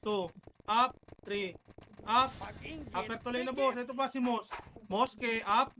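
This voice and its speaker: A man with a notably high voice calls out rapid countdowns and orders to his gaming team. He barks each call and curses in between, and a constant hum of noise runs under his voice. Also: pushed and bright, poor audio. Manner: rapid barked countdowns and commands, cursing. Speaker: gamer leading a team. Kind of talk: live team callouts while gaming.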